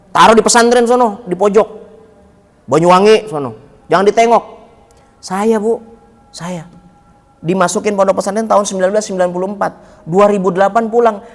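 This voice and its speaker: A man preaching a sermon in a mosque, telling stories with humor. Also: high voice. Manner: animated storytelling with humor. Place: mosque hall. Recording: long reverb of a hall.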